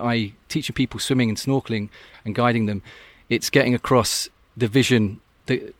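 A Scottish open-water swim coach talks earnestly and thoughtfully in a casual podcast interview, often restarting his sentences. His voice is medium-pitched and the recording is dry.

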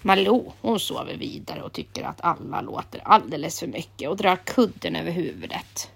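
A woman calmly reading a children's story aloud in a gentle storytelling manner. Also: low-pitched, vocal fry, husky.

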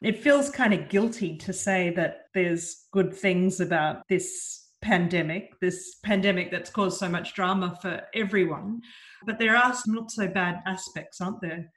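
A woman's voice: lowish voice, unhurried. A woman hosting an interview with enthusiastic, upbeat introductions. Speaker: podcast host. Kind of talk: hosted interview. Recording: music bed under the voice.

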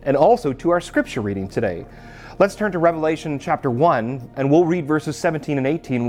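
A man preaching a sermon as a pastor, telling a personal story in an animated, conversational way. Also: medium pitch.

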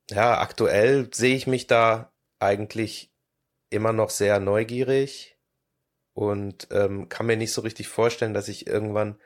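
A man talking as a podcast guest in a relaxed, thoughtful way, pausing often with filler sounds. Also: on the low side. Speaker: guest, 3D illustrator. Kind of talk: casual podcast conversation.

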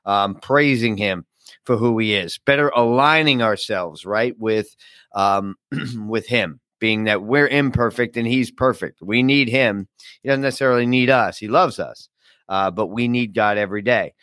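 A man's voice: on the low side, measured pace, a bit bright, no echo. A man pastor teaching a daily Bible study podcast in a casual, conversational way with many fillers, his voice groggy.

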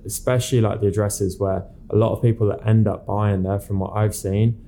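Real estate agent, man, low mellow voice, flat delivery, confident explainer. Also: fairly quick, creaky, slight background noise. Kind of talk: casual podcast chat.

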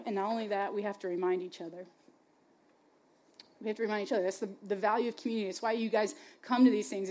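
A woman's voice: mid-range voice, darkish tone. A young adult woman giving a passionate, conversational sermon to a youth gathering, chatty and full of "like" and "y'all". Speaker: speaker at a youth faith gathering.

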